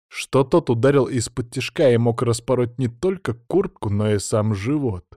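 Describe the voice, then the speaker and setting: A man's voice: mid-range voice, warm tone, no room sound. A man reads a first-person audiobook in a mid-range voice, with a wry, sardonic edge in his asides. The recording is dry and close with no room sound. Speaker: audiobook narrator.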